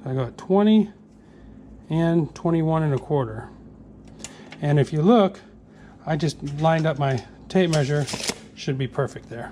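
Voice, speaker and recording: Man, 40s, slightly high voice, unhurried how-to narration, camera mic in a workshop with faint hiss. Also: lively intonation, mellow. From Northeast Florida. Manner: plain, easygoing, narrating each step with many "uh"s. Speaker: fishing tackle maker. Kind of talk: casual how-to workshop demonstration.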